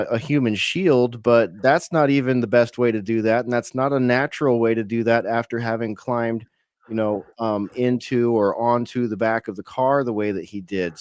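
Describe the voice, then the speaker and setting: A man's voice: mid-range voice, darkish tone, smooth, no echo, clean studio sound. A man co-hosting a live-streamed talk show, musing and reasoning aloud about a photo with many fillers.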